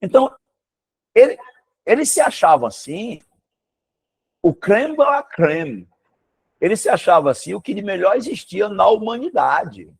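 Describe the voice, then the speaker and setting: A man with a Brazilian Portuguese accent gives a casual one-on-one lesson over a video call. His voice sits a little high and swings widely in pitch as he exclaims and fires off rhetorical questions, with a husky edge. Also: measured pace, long pauses. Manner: emphatic and animated, exclaims and asks rhetorical questions. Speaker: teacher.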